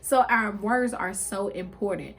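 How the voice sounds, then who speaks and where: A woman's voice: mid-range voice, animated, a little slow, creaky, fairly bright tone, husky, faint music behind. A woman speaking directly and casually to her viewers in an emphatic, encouraging, slightly preachy motivational style, repeating phrases for weight.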